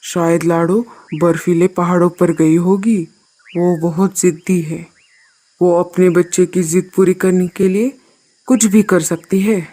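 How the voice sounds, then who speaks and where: A man's voice: sits high, steady tone, unhurried, mellow. A man voicing a kind male crow in a cartoon, speaking with urgency and care. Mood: concerned. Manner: urgent, caring. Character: kind male crow, helpful uncle to the chick.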